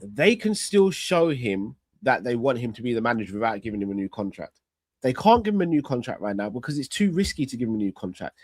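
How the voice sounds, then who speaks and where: A man's voice: medium pitch, sing-song, fast, dry recording. A man in a heated football pundit debate, insistently arguing point by point. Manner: insistent, argues point by point, pleads to finish. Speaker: football fan pundit on a panel show.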